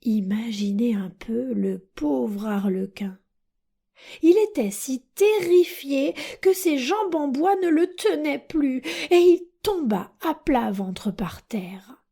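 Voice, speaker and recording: Slow, breathy woman narrating a storybook. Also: high-pitched, expressive. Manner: soft, hushed, breathy delivery.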